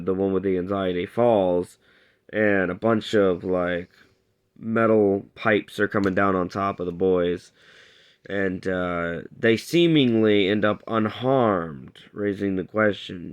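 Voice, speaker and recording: A man's voice: on the low side, clear, resonant tone. A man casually recapping a TV episode, rambling with plenty of fillers and hesitations. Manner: rambling, lots of fillers, acts out characters' lines. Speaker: TV show reviewer.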